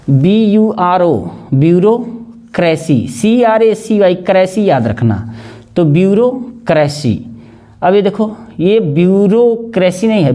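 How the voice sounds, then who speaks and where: A man with a Hindi accent teaching English spelling, slowly repeating each word and spelling it out letter by letter. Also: high voice, warm tone. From India. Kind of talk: spelling lesson, explaining word by word.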